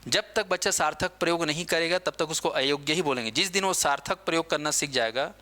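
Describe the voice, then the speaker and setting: Man, teacher, classroom lecture, bright tone, slightly high pitch, asks and answers his own questions. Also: fairly quick. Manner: asks questions and answers them himself, repeats key points; mixes English words into his speech.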